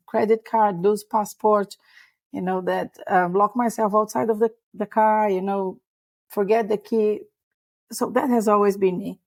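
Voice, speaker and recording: A middle-aged woman from Brazil, guest on a podcast, hoarse from a cold and talking in a chatty, rambling way. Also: mid-range voice, a little mellow. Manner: chatty, rambling with many fillers. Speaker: ADHD coach, guest. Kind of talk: podcast interview.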